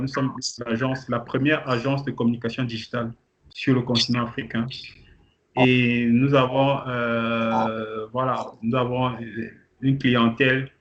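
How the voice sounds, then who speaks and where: On a video call, a man with a mid-range, slightly bright voice kicks off an online training session. He presents to participants with lots of hesitations and restarts, and the call audio is muffled with faint noise.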